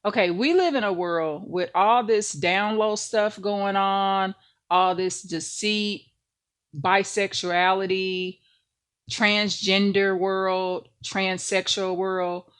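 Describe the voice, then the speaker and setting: A woman's voice: mid-range voice, fairly even intonation, slow pace, fairly bright tone, clear, resonant tone. A woman hosting a ministry channel, preaching a monologue to the camera and repeating phrases for emphasis.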